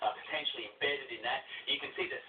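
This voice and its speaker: A man presenting a regional weather forecast in a brisk, explanatory way. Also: mid-range voice, recorded from a distance, a little hiss or hum. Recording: echoey, tinny off-air TV recording.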